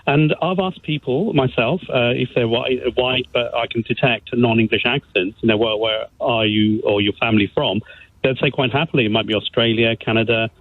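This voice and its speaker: A man from Bangladesh calling in to a radio show, speaking hesitantly with many pauses and restarts. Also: mid-range voice, dry recording. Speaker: caller. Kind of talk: radio phone-in call. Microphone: phone. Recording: tinny phone line.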